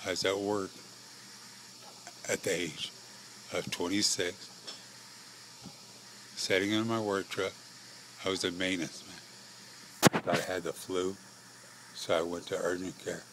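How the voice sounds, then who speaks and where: A frail middle-aged American man tells his own story, clearly short of breath. His low voice stays very flat and comes in halting, short phrases. There is steady noise in the background. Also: poor audio. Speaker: patient telling own life story. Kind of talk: personal testimony to camera.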